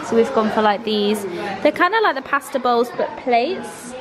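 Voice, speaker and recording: Casting: chatty, gushing female vlogger, twenties, higher voice, crowd chatter behind. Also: moderate pace. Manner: excitable, gushing. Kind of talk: casual chatty vlog. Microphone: handheld camera. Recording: music and busy chatter behind the voice.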